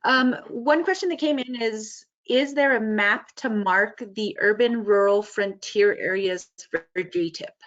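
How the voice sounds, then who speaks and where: A woman moderates a webinar and reads out a submitted question with a hesitant um. She speaks at a middling pitch over a weak video-call connection. The audio sounds dull and lo-fi. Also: measured pace, hardly any pauses, a bit bright. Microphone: video call with bad wi-fi.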